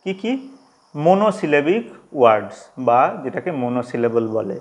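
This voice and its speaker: A man teaching English, explaining slowly and patiently, repeating and stretching out the example words. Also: medium pitch, very animated. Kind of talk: classroom-style explanation.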